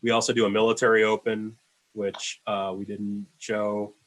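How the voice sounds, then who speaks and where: A man's voice: fairly low pitch, little pitch movement, moderate pace, a bit bright, rough recording. Rambling man on a video call. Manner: rambling, many fillers and restarts. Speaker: in-house video producer for a sports team. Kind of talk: casual panel Q&A answers.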